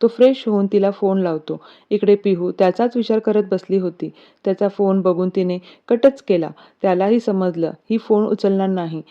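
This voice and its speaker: A woman narrating a romance story in a steady, expressive reading. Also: mid-range voice, normal speed, few pauses. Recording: dull lo-fi recording.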